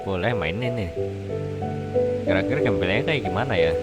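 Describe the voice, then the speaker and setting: A man's voice: low-pitched, fast, over loud music. A man giving casual, joking commentary while playing a video game. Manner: relaxed, joking asides. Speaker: gameplay commentator. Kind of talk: casual let's-play commentary.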